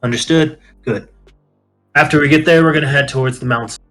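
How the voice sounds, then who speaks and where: A man's voice: medium pitch, a little fast, a bit bright. Blunt male ranger instructor, played by a man, terse orders, choppy cutting-out call audio, faint music behind. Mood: briefing. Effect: choppy online call audio, words cut off at the ends. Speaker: game master. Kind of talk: voicing a character in an online tabletop game.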